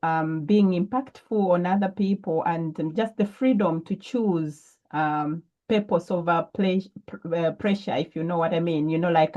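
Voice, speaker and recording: A woman from Zambia speaks in a low, mellow voice, pausing and restarting as she gives thoughtful interview answers. The recording is somewhat dull and muffled. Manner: thoughtful, with frequent ums and restarts. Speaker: guest entrepreneur.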